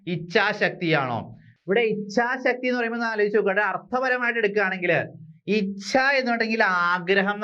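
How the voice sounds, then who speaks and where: A man from Kerala teaching an exam-prep language lesson, repeating words slowly and asking his listeners rhetorical questions. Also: high voice, pushed and bright, muffled recording. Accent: Malayali.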